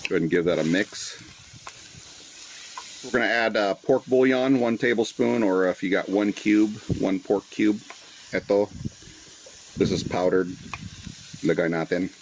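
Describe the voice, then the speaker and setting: A fairly low-pitched man in his forties, born in the Philippines, chats through a cooking vlog on his windy front patio as a cooking channel host. His manner is relaxed and talkative, with many "uh"s and Tagalog phrases. He records with a phone and Bluetooth earbuds, giving noisy outdoor sound full of wind plus wok sizzling and stirring.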